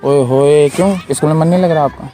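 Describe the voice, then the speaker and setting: A man's voice: on the high side, quick pace. A young man hosting a prank video, chatting up a stranger in a teasing, pleading, playful way. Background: background music.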